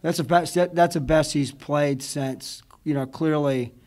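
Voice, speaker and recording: Behind a table mic in an indoor press room with a logo backdrop, a fifties-aged college basketball head coach answers postgame questions. He has a fairly high, somewhat dark voice with fairly even intonation and a measured pace, and his heartfelt answers wander, packed with fillers such as "you know what I mean."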